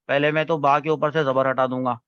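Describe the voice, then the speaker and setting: A man's voice: mid-range voice, level tone, smooth, no echo. A man teaching an online grammar class over a video call, patiently quizzing students step by step. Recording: dull, dry online call audio.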